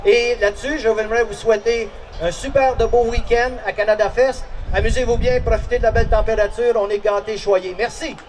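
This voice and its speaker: Brief: man, sponsor remarks, raised pitch, heard from a distance with light noise. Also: steady tone, fairly quick, a little mellow. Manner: formal, thankful speech. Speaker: sponsor speaker. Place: outdoor festival stage.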